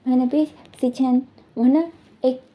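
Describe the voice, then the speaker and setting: A woman's voice: high-pitched, steady tone, slow. A woman casually retelling a story, rambling along with frequent fillers and restarts. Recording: dull lo-fi recording.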